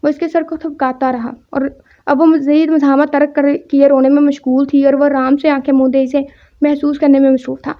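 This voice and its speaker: A woman narrates a romance novel as an audiobook, voicing every character in her own voice as well. She speaks high with little pitch movement, and the recording is dull and lo-fi.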